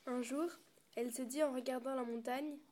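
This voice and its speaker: A woman reading a storybook aloud at a steady pace, with small restarts now and then. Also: high voice, normal speed.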